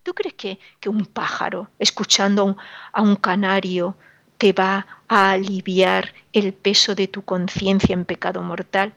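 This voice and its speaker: A woman's voice: medium pitch, little pitch movement, unhurried, creaky, fairly bright tone, no echo, dull audio. A woman giving a radio sermon to listeners, emphatic and admonishing, repeating words and asking rhetorical questions in a sorrowful tone. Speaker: religious radio speaker.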